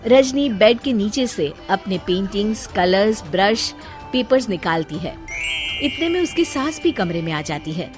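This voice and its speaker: A woman narrating a cartoon story in a calm, matter-of-fact way. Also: mid-range voice, measured pace. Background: soft background music.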